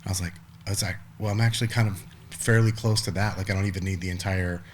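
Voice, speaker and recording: Give me a man in his forties with a lowish voice, chatting loosely as a podcast guest and swearing now and then. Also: steady tone, quick pace, a little hiss or hum. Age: 40s. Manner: rambling, lots of "like" and restarts, blunt swearing. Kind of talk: casual conversation.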